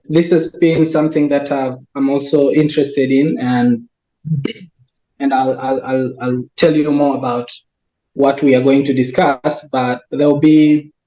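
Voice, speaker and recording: A young Tanzanian man who coordinates wildlife research is interviewed in a conversational setting, answering slowly and thoughtfully with frequent restarts. His voice is medium-pitched and mellow, and the recording is muffled.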